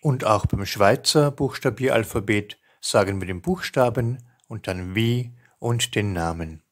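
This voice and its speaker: A man in his fifties teaching a language lesson, reciting examples in a deliberate, carefully enunciated way. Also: fairly low pitch, no room sound, studio quality.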